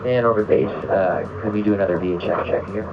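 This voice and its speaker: Man, helmet radio, muffled lo-fi link, lowish voice, music behind. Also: fast. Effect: helmet radio transmission. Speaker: aircraft crew member on the radio. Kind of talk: clipped radio procedure talk.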